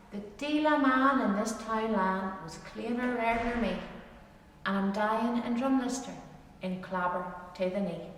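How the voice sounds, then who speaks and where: A woman's voice: on the high side, fairly bright tone, slight background noise. A woman reciting dialect verse as a rueful, ageing bachelor farmer, with an Ulster Scots accent and a lilting, rhyming storyteller delivery. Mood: resigned. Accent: Ulster Scots, Northern Irish. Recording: very echoey hall, distant microphone.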